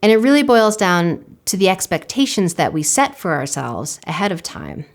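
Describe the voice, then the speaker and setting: A woman teaching an online climbing course, explaining mental blocks in a calm, reflective and encouraging way. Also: on the low side, moderate pace. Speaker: climbing coach. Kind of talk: instructional course narration.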